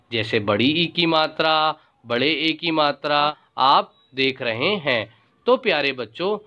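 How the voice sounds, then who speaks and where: A man's voice: on the high side, pushed and bright, dull audio. A male school teacher giving a recorded lesson to young pupils. He speaks patiently, often addresses the children directly, and draws out each example word for them to repeat. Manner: patient, slowly drawn-out pronunciation of example words.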